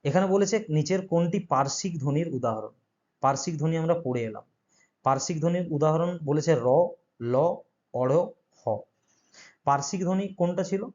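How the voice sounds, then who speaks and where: A man's voice: fairly high pitch, fairly quick, pauses often, a little mellow, lo-fi sound. A male teacher who explains an exam-prep grammar lesson step by step and keeps checking that his students follow.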